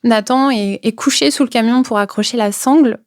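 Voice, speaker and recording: Recounting her own experience, a young woman stumbles through fillers and repetitions, her voice occasionally fading to near a whisper. She speaks at a moderate pace in a slightly high voice, and the studio recording is clean and dry.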